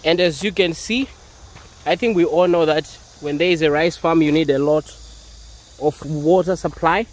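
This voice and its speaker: A man's voice: fairly high pitch, moderate pace. A young man from Nigeria, chatting to viewers as a vlog host on a rural farm. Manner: animated, chatty, addresses viewers as guys. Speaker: vlogger host. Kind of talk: casual vlog narration to camera.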